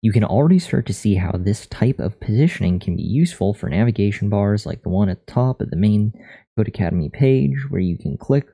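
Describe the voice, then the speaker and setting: A man's voice: on the low side, expressive, brisk, gravelly, dark tone, husky. A man streaming live while learning to code, reading lesson text aloud and adding joking asides. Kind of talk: casual live-stream commentary.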